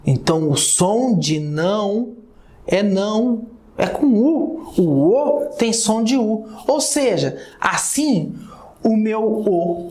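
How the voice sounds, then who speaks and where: A man's voice: sits high, a little mellow. A man with a Brazilian accent giving a recorded video lecture, explaining step by step and often calling out to his viewers. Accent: Brazilian Portuguese. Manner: explanatory, addresses viewers often with "olha só" and "galera". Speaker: teacher. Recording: roomy classroom echo.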